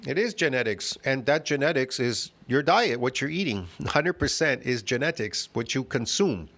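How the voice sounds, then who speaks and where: A man with a medium-pitched, animated, somewhat bright voice hosts a reaction video at a normal pace. He rambles, repeats himself and mocks what he's watching, dropping "get it?" and "bro" often, in casual running commentary.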